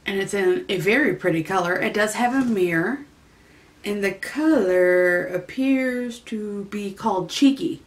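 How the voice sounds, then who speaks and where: A woman's voice: fairly high pitch, a bit bright. A woman beauty vlogger casually chatting through a makeup unboxing, rambling and easily delighted, sometimes in a sing-song voice.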